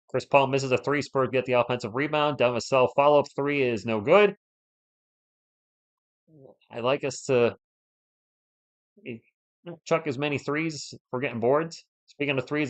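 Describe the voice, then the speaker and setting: A slightly under-the-weather man hosts a live sports stream, offering casual fan play-by-play and chatting playfully with viewers by name. His voice is medium-pitched and the sound is lo-fi.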